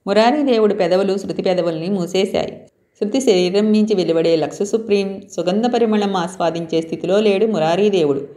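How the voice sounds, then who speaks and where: A woman storyteller reading a romance novel aloud in a steady, even way. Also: medium pitch, a little fast.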